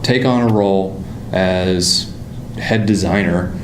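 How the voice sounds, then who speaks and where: A deep-voiced man from the Pittsburgh area of the United States, with the local accent, is a motorcycle designer appearing as a guest in a casual interview. He tells his stories slowly and relaxedly, full of fillers and restarts, over a roomy sound and a noisy background.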